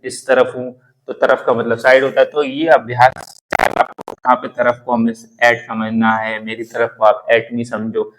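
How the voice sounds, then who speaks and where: A man teaching a spoken English lesson, slowly repeating example sentences word by word. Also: medium pitch, rough recording.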